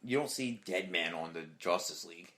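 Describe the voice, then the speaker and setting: A man co-hosting a casual podcast, talking excitedly, swearing freely and acting out quotes. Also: low-pitched, normal speed. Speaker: podcast co-host.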